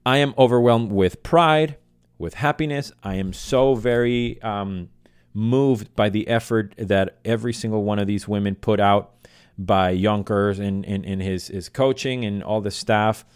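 A man with a fairly low voice, recorded close and dry. He hosts a solo fan podcast off the cuff. His delivery is casual, passionate and led by feeling. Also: measured pace, clear, resonant tone, no echo. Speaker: podcast host.

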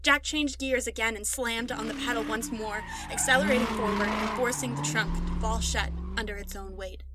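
A woman narrating a scripted story in a steady, measured reading voice. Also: a little high.

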